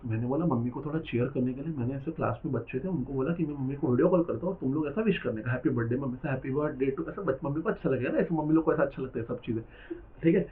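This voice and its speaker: A man's voice: mid-range voice, rapid-fire. A young man, a chatty, teasing lecturer telling a story to his class and slipping into English phrases. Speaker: accounting exam lecturer. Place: classroom with students. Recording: tinny phone-like lecture recording.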